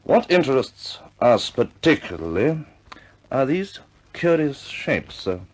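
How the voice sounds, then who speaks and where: This is a man with a medium pitch and a sing-song lilt, acting the part of a grave senior British air force officer. He briefs in a businesslike, deliberate, measured style reminiscent of 1950s war films.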